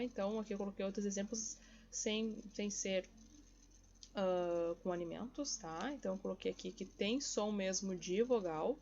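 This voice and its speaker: A woman with a Brazilian Portuguese accent teaching an English grammar lesson. She talks patiently, repeats each example slowly and keeps checking in with the class. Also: mid-range voice, a little mellow, dull audio, a little hiss or hum.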